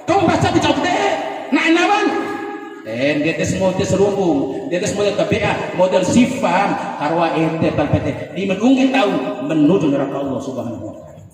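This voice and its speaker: A very high-voiced man preaches at a funeral gathering. He chants Arabic verses loudly, then drops into low murmured asides. His voice comes from far off in a hall with long, booming reverb. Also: very animated, moderate pace, slight background noise. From Indonesia. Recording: echoey hall from far off, faint ambience.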